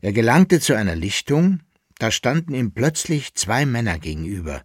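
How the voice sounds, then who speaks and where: A man's voice: mid-range voice, very animated, moderate pace, slightly rough, no room sound. Male narrator for a radio reading of a novel; dry, close studio sound. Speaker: reader. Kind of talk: audiobook narration of a historical novel.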